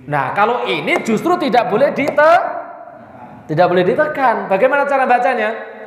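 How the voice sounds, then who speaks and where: A man's voice: very high-pitched, big pitch swings, moderate pace. A man teaching Quran recitation rules to a class, reciting short examples and quizzing his students before answering himself. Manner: questioning students often, then answering himself. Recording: echoey hall with long reverb.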